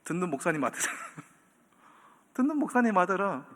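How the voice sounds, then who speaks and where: A man, preaching a sermon as pastor in animated storytelling style, acting out quotes and chuckling. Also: high voice, moderate pace. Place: church sanctuary. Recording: long church hall reverb.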